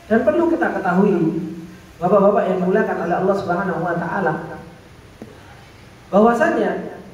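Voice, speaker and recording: A man giving a religious lecture, asking rhetorical questions and answering them himself. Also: sits high. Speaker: Islamic teacher. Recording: echoey room, distant mic, faint noise.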